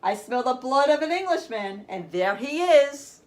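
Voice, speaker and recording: A big, scary, hungry giant from a storybook, roaring out his chant, as a woman puts him on. The voice is loud and booming, with a menacing stomp to every word. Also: expressive, unhurried.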